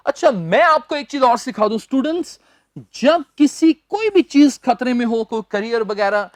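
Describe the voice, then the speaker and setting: A woman's voice: on the high side, darkish tone, no room sound, studio quality. A woman teaching spoken English in a lecture, spelling words out letter by letter and firmly correcting common mispronunciations for her students. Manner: explains in Hindi, says English words slowly and spells them out letter by letter; addresses students directly, corrects mistakes firmly.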